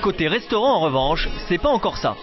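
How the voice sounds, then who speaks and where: Man, TV voice-over, high pitch, measured, muffled, music under it. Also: sing-song. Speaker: reporter narrating. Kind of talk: scripted TV voice-over.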